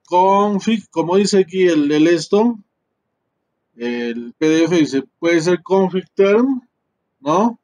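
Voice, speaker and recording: Man, teacher, higher voice, unhurried and chatty, full of fillers. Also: warm tone. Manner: slow, chatty, tag questions, many fillers. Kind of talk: live screen-share tutorial.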